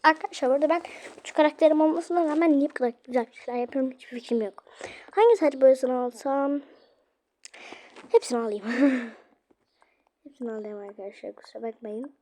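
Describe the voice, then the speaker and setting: A young woman talks her viewers through what she is doing in a casual, chatty way. Her voice sits high, and she keeps addressing the audience directly. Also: brisk, long pauses, dark tone. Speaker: vlogger. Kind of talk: casual game play narration.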